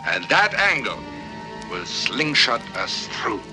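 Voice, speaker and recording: An actor playing an obsessed starship commander and scientist, formal, imperious and oratorical, in a storybook dramatization. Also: male voice, mid-range voice, big pitch swings, slow, music in the background, low-quality recording. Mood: grandiose, confident.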